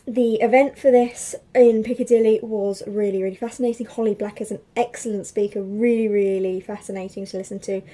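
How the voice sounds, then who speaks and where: A young woman chats her way through a book review. Her voice is mellow and warm, and she rambles with plenty of fillers and false starts. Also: medium pitch, fairly even intonation, brisk, hardly any pauses. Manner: chatty, rambling with many fillers and restarts. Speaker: book vlogger.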